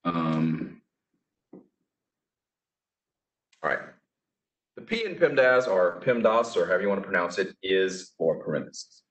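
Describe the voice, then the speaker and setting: A man's voice: low-pitched, animated, takes it slowly, long pauses, a bit bright. A man teaching a casual math lesson, talking through each step with chatty, offhand asides. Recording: echoey room.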